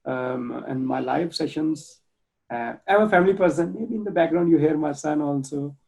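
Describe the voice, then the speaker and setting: A Pakistani man with a Pakistani accent, a project manager and nonprofit volunteer, talks earnestly as a guest in a casual interview over a video call from a room at home. His voice is on the high side, gravelly and darkish at normal speed, and he often restarts words while searching for phrasing, with dull lo-fi call audio.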